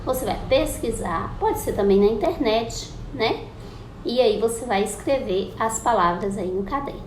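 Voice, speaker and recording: Woman teacher, higher voice, slow patient drilling, echoey room with light hiss. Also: lively intonation. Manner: patient, drawn-out spelling of example words. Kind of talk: recorded school lesson. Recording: echoey room with faint background noise.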